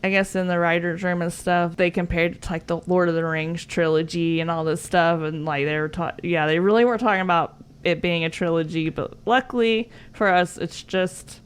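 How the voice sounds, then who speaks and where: A woman's voice: lowish voice, fairly even intonation, normal speed, few pauses, clean tone. A woman co-hosting a podcast in casual chat, sharing facts in a chatty, giggly way with lots of "like" fillers. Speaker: podcast co-host.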